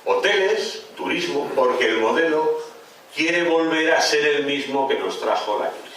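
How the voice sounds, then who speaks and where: A man's voice: a little high, lively intonation, a little slow, a bit bright, a little hiss or hum. Man at a political rally, fiery and mocking, recorded from a distance in a reverberant hall. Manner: impassioned, sarcastic, rhetorical questions. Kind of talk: rally speech. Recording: echoey hall, mic far off.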